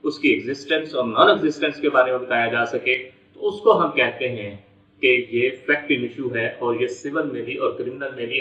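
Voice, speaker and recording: With a sharp tone at medium pitch, a Pakistani-accented man teaches law, walking through points step by step, restating them, and slipping in English legal terminology. It was recorded in an echoey room on a dull, faraway microphone.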